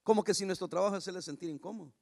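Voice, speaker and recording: A man preaching a sermon as pastor, emphatic and raising his voice, reading scripture slowly and deliberately. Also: high-pitched, gravelly, a little mellow.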